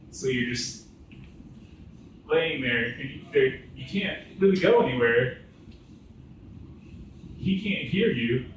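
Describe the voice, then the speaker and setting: A man's voice: mid-range voice, recorded from a distance, slight background noise. Rambling male comic in echoey room. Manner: rambling, filler-heavy storytelling with many "like"s. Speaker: stand-up comedian. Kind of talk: stand-up storytelling at an open mic. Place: echoing open mic venue. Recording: very echoey room recorded from afar, faint ambience.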